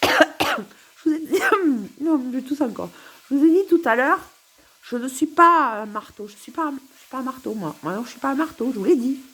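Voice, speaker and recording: Husky, musing woman rambling to camera. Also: sits high, expressive, a little fast, a bit bright. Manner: musing, giggly, repeats herself. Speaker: vlogger. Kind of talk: rambling philosophical monologue to camera. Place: at home.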